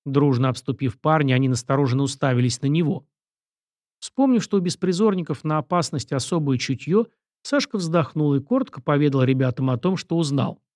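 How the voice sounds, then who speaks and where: A man narrating an audiobook in a steady storytelling voice. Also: on the high side, brisk, no room sound, studio quality. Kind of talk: scripted narration.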